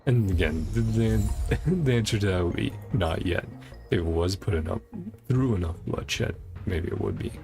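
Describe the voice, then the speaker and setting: A gaming content creator with a deep, gravelly, darkish voice talks at normal speed while playing through a story quest. He muses aloud and speculates to himself, reading game text out as he goes, with soft music in the background.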